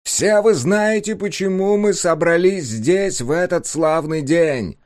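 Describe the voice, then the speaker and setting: A booming male announcer rings out over a distant loudspeaker. He proclaims each word slowly, pitched far above a man's usual voice, with a dry close sound beneath the distance. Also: no echo. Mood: proclaiming. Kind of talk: audiobook narration.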